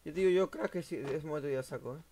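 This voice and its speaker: A young man, streaming a game and commentating live, excitable and swearing at the action. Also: fairly high pitch, rapid-fire, slight background noise. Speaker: gaming streamer.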